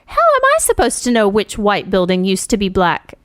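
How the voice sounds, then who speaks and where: A woman's voice: mid-range voice, wildly swooping pitch, moderate pace, no echo, studio quality. A woman reading the lines of a frustrated local woman looking for an office, in her storytelling voice. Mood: exasperated. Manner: exasperated.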